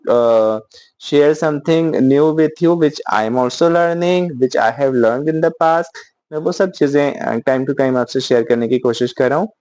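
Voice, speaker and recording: A man teaching English vocabulary in Hindi, explaining patiently, checking in often and reading English example sentences slowly. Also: a little high, dark tone, dry recording. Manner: explains slowly, often asks "ठीक है?", fillers. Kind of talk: spoken Hindi lesson mixing English.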